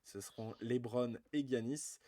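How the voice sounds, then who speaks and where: A man's voice: mid-range voice, a little slow, a crowd in the background. Casual man chatting basketball. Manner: relaxed, many fillers, talks through vote rankings. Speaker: podcast co-host. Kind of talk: casual basketball chat on a live stream.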